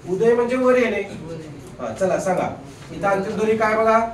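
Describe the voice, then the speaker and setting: A man's voice: high-pitched, normal speed, recorded from a distance, a little hiss or hum. A man teaching a grammar lesson in a classroom, drilling students with repeated questions and teasing them now and then. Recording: echoey room, voice off-mic.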